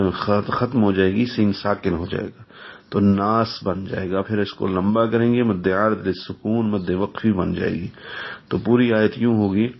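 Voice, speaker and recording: A man teaching the rules of Quran recitation, explaining slowly and methodically and pausing to recite example verses. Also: fairly low pitch. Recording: dull lo-fi recording.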